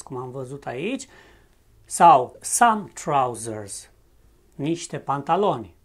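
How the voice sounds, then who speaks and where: This is a methodical language teacher from Romania, narrating a scripted grammar lesson. The delivery is clear and patient, with each English example repeated slowly and then translated. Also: mid-range voice.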